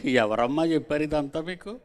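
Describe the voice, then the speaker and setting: A man's voice: on the high side, expressive, fairly quick, darkish tone. A man preaching a sermon at a gospel convention. He repeats his phrases and questions the audience directly.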